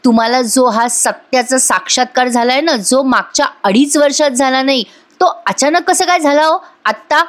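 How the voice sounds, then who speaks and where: A woman voicing a sharp woman defense lawyer who needles a witness with rising, sarcastic questions. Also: high-pitched, moderate pace, voice pushed up, natural voice. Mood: needling.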